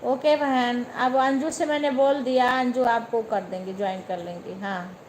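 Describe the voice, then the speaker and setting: A woman's voice: a little high, steady tone, normal speed, a little hiss or hum, poor audio. A young woman with an Awadhi accent hosting a phone live stream, chatting casually and speaking straight to her viewers by name.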